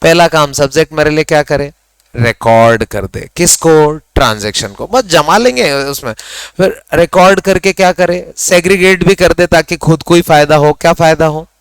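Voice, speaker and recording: Male teacher quizzing his class, slightly high, smooth clear tone, dictates definitions slowly, dry close sound. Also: animated, no echo. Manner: quizzing students, mixing Hindi with English terms. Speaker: accounts teacher. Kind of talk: classroom lecture.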